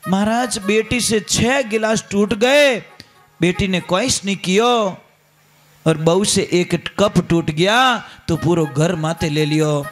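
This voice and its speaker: High-voiced Rajasthani storyteller preacher man. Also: takes it slowly, faint music behind. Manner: folksy, addresses listeners directly with questions. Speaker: religious storyteller.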